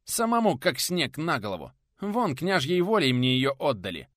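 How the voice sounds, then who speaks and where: A man's voice: a little high, sing-song, normal speed, fairly bright tone, no echo, studio quality, pitched above the performer's own voice. Man voicing an elderly teacher, grumpy and stubborn, curt. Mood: grumbling. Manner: curt, grumbling replies.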